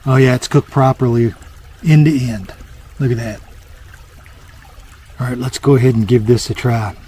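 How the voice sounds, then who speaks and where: A man's voice: mid-range voice, steady tone, normal speed, mellow, breathy edge. Man giving mock-gourmet praise outdoors. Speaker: vlogger. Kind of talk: mock food-critic review. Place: outdoors by a lake on a day hike. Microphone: small handheld camera.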